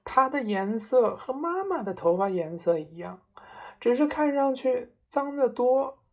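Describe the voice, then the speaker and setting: A woman voicing an excitable young son who blurts out exclamations. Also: a little high, unhurried, voice pushed up, exaggerated voice. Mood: exclaiming.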